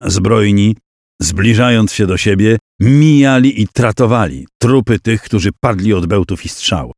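Narrating a historical battle story for an audiobook, a man with a fairly low, creaky voice acts out the characters' shouts and cries. He sounds animated yet unhurried. The audio is dry and close-miked, with no room sound at all.

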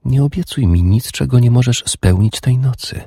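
A man voicing a sensual young woman in an audiobook, speaking softly and intimately with a raised voice. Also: medium pitch, moderate pace, vocal fry, no room sound, clean studio sound, pitched above the performer's own voice. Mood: tender, wounded. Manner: soft, intimate, teasing. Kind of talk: audiobook dialogue.

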